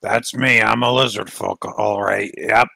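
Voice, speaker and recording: A man's voice: lowish voice, fairly even intonation, unhurried, gravelly, pushed and bright, no room sound. A man playing a tabletop role-playing game, chatting in a rambling way full of "you know" fillers. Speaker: player. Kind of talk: casual tabletop game play.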